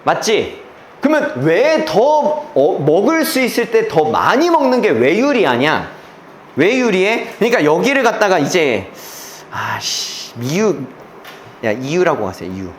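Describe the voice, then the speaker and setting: A man's voice: high-pitched, huge pitch swings, measured pace, slight background noise. A man teaching a class, lecturing through an exam passage and checking in constantly with rhetorical questions and blunt slang. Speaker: English teacher. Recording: roomy echo with faint ambience.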